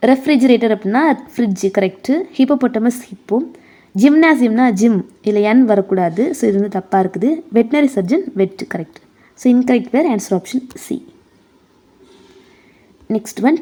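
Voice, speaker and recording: A woman with a Tamil accent teaching an exam prep lesson, reading English questions slowly and explaining them in quick Tamil. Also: a little high, expressive, mellow.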